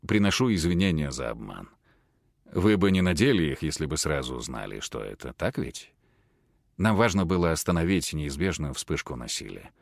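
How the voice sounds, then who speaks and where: A man voicing a calm, detached middle-aged professor who speaks in a measured way. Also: very deep voice, creaky, no room sound, clean studio sound, voice pushed down, heavily acted. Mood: calm, cold.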